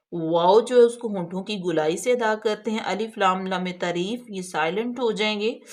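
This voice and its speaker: A patient woman teaches careful recitation step by step. Her pitch sits in a typical middle range for a woman. She slows right down to stretch out each example word, then checks that her listener follows. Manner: patient, explains letter by letter, checks understanding. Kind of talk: tajweed lesson, slow drawn-out recitation of examples.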